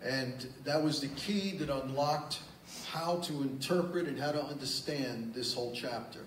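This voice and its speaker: A man's voice: medium pitch, measured pace, slight background noise. A man preaching a sermon as pastor, reading scripture aloud and then explaining it in plain, emphatic asides. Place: church sanctuary. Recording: roomy church sound, distant mic, faint ambience.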